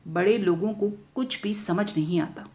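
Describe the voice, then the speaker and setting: A woman tells a story aloud, speaking in the first person as a curious young girl and lifting her voice for questions and surprise. Her pitch sits in an ordinary middle range for a woman, and the delivery is expressive and story-paced. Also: measured pace, slightly rough. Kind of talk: scripted story narration.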